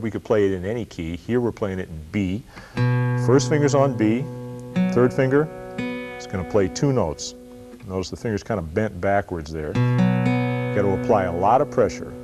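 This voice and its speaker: A middle-aged man with a fairly low voice gives a calm, easygoing guitar lesson. He talks through chord changes and counts along with the beat. Loud acoustic guitar plays under his voice. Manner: relaxed, explains while playing and counting. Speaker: guitar teacher. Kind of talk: instructional demonstration. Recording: loud guitar playing behind the voice. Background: loud acoustic guitar playing.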